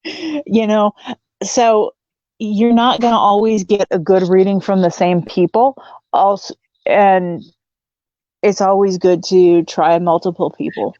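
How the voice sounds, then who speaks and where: A woman's voice: mid-range voice, steady tone, slow pace, warm tone, dry recording. A woman in her forties, a tarot reader guest chatting casually, joking and laughing often. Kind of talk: casual live-stream chat. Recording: dull lo-fi stream audio.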